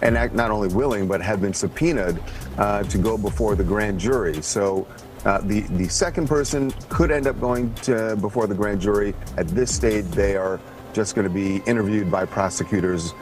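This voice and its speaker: A man giving halting, hesitant answers as a producer and commentator in an unscripted news interview. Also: lowish voice, a little mellow, soft background music. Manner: halting, hedging speech full of hesitations.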